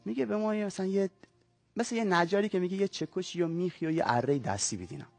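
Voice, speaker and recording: Thoughtful male guest with a slightly high voice, reads aloud on a talk show, dry close sound. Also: animated, gravelly, darkish tone, no echo, soft background music. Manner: reflective, measured literary talk.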